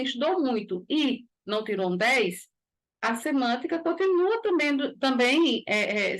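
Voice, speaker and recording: A woman with a Brazilian Portuguese accent teaches an exam-prep grammar lesson, her voice sitting a little high. She explains each point step by step and keeps checking in with quick tag questions to the class.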